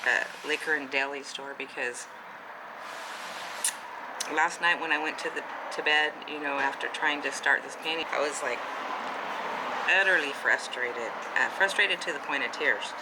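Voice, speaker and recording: A woman's voice: low voice, normal speed, long pauses, very noisy. A woman in her fifties, an artist vlogger, talks casually into a handheld camera at a neighborhood deli store, hesitant and full of ums and restarts. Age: 50s. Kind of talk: casual vlog monologue.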